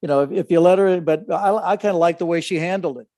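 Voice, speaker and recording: An older man, a father co-hosting a podcast, talking in a halting way with many restarts. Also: a little high, dark tone, no echo, studio quality. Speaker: podcast co-host, the other host's father. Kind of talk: casual chat.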